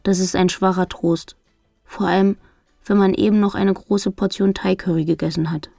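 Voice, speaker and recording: A woman reading a first-person comic story aloud, with lively, exasperated delivery. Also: medium pitch, normal speed, vocal fry, no room sound, clean studio sound. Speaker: audiobook reader. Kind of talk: first-person audiobook narration.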